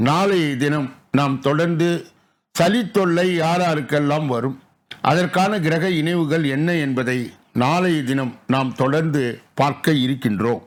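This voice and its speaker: Man, astrologer, fairly high voice, slow deliberate recitation. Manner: slow, deliberate recitation of rules in even phrases. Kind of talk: reading daily astrology segments.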